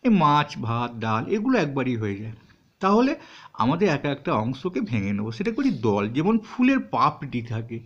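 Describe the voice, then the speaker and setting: Lively-voiced man teaching, lo-fi. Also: fairly high pitch. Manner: patient, spells words out syllable by syllable. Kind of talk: classroom explanation for students. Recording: dull lo-fi recording.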